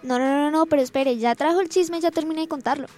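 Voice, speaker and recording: A woman with a Bogotá accent in an amateur radio drama, talking in an animated, emphatic way. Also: sits high, fast, faint music behind. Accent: Bogotá Colombian Spanish. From Bogotá, Colombia.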